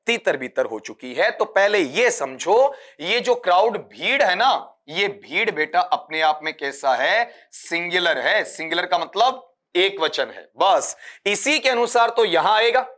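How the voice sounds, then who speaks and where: A man's voice: sits high, expressive, measured pace, fairly bright tone. Male teacher quizzing his students. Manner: addresses students as beta, asks and answers own questions. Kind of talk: exam-prep grammar lesson.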